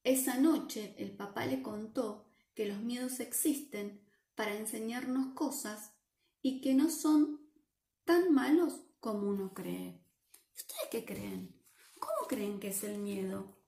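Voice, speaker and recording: A woman with a Rioplatense Spanish accent reads a picture book aloud to children, playful and lively, often asking them questions. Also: a little high, slow, vocal fry, roomy sound. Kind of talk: animated read-aloud for children.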